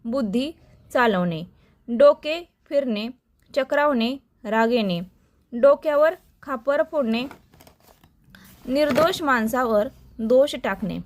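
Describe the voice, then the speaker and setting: Female tutor, slow measured dictation of idioms and meanings, voice a bit high. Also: lively intonation. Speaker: teacher. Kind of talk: reciting Marathi idioms for exam prep.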